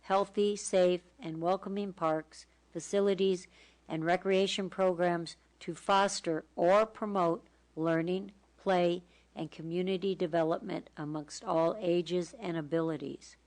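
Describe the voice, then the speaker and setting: A woman's voice: fairly low pitch, fairly even intonation, measured pace, darkish tone, poor audio. A woman on a city parks commission, reading an earlier draft statement aloud at a meeting. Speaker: commission member. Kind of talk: committee discussion.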